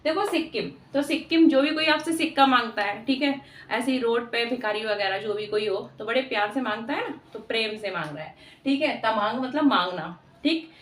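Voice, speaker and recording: Woman teacher for exam prep, high voice, echoey room, drills answers by repeating them. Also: a little fast, far from the mic. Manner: repeats questions and answers, frequent "theek hai".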